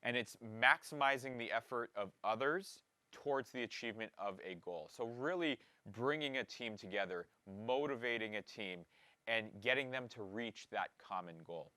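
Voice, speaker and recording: A man's voice: on the low side, sharp tone, dry recording. A middle-aged male school principal addressing students at an assembly, in an earnest, encouraging way, often repeating words for emphasis.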